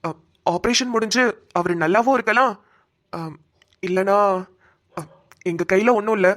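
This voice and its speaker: A composed cartoon doctor, voiced by a woman, explains a grave situation in a calm, soothing manner. The voice sits at an ordinary middle pitch. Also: unhurried, natural voice. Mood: calm explaining. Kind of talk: cartoon voice acting.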